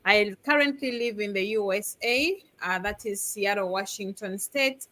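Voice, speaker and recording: A woman's voice: medium pitch, unhurried, sharp tone. A middle-aged woman from Uganda on a live online talk show, speaking with upbeat greetings. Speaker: co-host and guest speaker.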